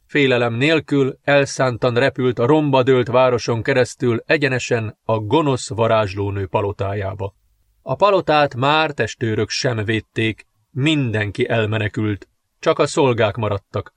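A man reading a fantasy novel aloud in measured, dramatic scripted narration. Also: medium pitch, no room sound. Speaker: audiobook narrator.

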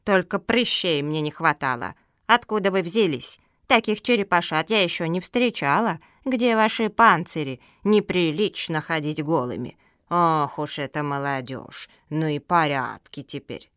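A grumpy old turtle grandmother who lectures everyone with fussy self-importance, as a woman reader puts her on. Her voice sits a bit lower than the narration, in a dry, close recording. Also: measured pace, a bit bright, no room sound. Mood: grumbling. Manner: pompous, fretful, lecturing. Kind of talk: audiobook character reading.

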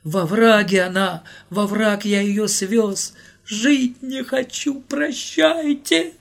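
A man voicing a distraught young driver who shouts in a high, sobbing voice. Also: steady tone, slow. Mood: wailing despair. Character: distraught young male truck driver, wailing.

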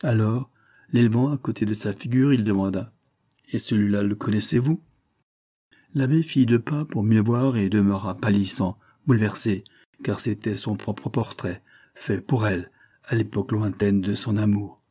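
A male audiobook narrator with a dark, husky, low voice, reading literary prose in a measured, expressive way. The recording is dry and close. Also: dry recording.

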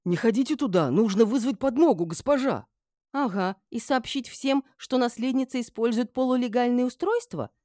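A woman's voice: a little high, moderate pace, hardly any pauses, darkish tone, clear, resonant tone, no echo, studio quality, voice pushed up, close to an everyday voice. A woman voicing a deferential male estate guard who urges his mistress to be careful. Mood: urgent.

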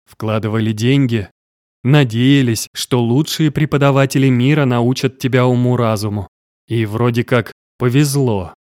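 A man's voice: mid-range voice, moderate pace, a little mellow, dry recording, clean studio sound, natural voice. Stern middle-aged father, commanding and contemptuous, read by a man in a plain mid voice. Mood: lecturing. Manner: harsh, commanding, scolding.

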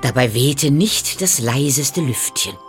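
A woman narrating a fairy tale in a calm, expressive storytelling voice. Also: rumbling low, takes it slowly, faint music behind.

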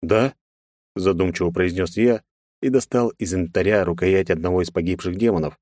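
A man narrating a first-person fantasy story in an even, storytelling manner. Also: deep voice, brisk, no echo, studio quality. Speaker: audiobook narrator.

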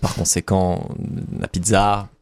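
A man's voice: deep voice, flat delivery, slow, a little mellow, clean tone. A man playing a boastful, self-important Julius Caesar in an improvised comedy sketch, rambling and inventing mock-Latin words. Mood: pompous.

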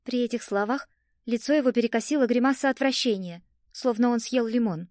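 A woman narrating a first-person audiobook in a lively, expressive storytelling manner. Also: on the high side, fairly quick, no echo, clean studio sound.

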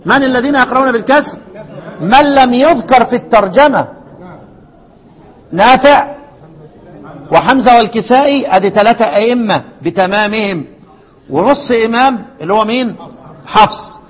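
Egyptian sheikh teaching recitation, kinda high husky voice, keeps quizzing the class, big echoey hall. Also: male voice, animated. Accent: Egyptian Arabic. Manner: asks the class questions and repeats answers; breaks into slow chanted recitation. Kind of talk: classroom lesson. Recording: long hall reverb.

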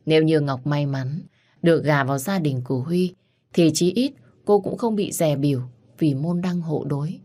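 A woman narrating a somber romance audio story in a steady, scripted reading. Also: low-pitched, normal speed.

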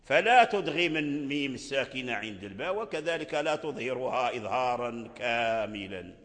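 A man with a Moroccan accent teaching Quran recitation rules step by step, chanting short verse examples slowly to illustrate each point. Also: medium pitch, expressive, fairly bright tone, long reverb tail. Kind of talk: tajweed lesson.

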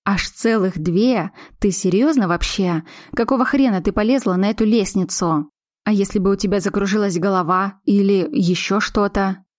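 A woman with a mid-range, darkish voice at a moderate pace voices a young man who is anxious and blunt because his fiancée is about to give birth, sounding fretful and insistent. The recording is dry and studio quality, close to an everyday voice.

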